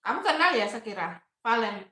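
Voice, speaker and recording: A woman chatting casually on a live stream, reading viewer comments aloud and gently coaxing them. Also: on the high side, very animated, normal speed, roomy sound. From Indonesia. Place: home kitchen.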